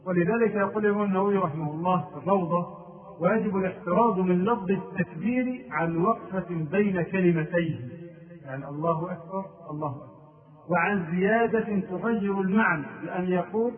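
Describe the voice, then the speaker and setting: Male religious teacher, high pitch, explains and chants the prayer call, heard thin and phone-like from some distance. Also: fairly quick. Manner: demonstrates prayer-call phrases by chanting them. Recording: tinny phone-like distant sound.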